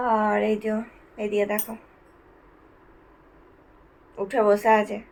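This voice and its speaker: A woman's voice: medium pitch, monotone, slow, vocal fry, darkish tone, slight background noise, low-quality recording. A woman chatting to her viewers as friends in a casual home vlog, filmed at home. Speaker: vlogger.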